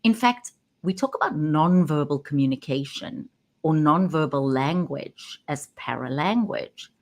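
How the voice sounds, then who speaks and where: A woman who works as a communication coach, talking straight into her camera and stressing key words with pauses. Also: low voice, lively intonation. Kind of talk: direct-to-camera talk. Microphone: webcam.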